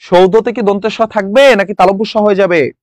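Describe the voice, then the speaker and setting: A man's voice: high voice, moderate pace, dry recording. A young man from Bangladesh teaching a live exam-prep class online, quizzing students and repeating the answers. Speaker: online tutor.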